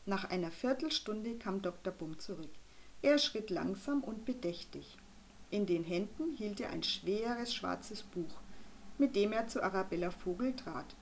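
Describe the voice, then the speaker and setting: A woman narrating a children's story in a calm, measured audiobook reading. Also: medium pitch, a little hiss or hum.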